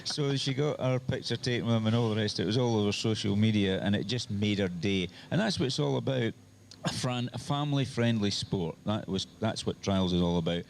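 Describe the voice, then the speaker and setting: A Scottish man with a lowish voice talks through rider details on local radio, unhurried and wandering, often pausing on "um" as he gathers his thoughts. A faint background hiss sits under his voice. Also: gravelly. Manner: rambling, hesitant with many ums. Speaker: trials commentator on local radio. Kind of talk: relaxed radio chat.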